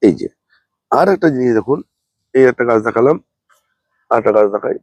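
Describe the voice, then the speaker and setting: A man, unwell, giving a slow, plain, repetitive gardening demonstration as a channel host. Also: mid-range voice, expressive, a little mellow, no room sound. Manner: speaks slowly and plainly, repeating points.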